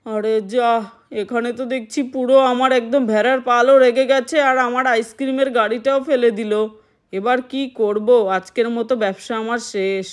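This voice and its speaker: A woman's voice: on the high side, fairly even intonation, moderate pace, natural voice. A woman voicing a chatty middle-aged male ice cream seller in a doll-play story, talking with lots of exclamations and scolding. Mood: dismayed.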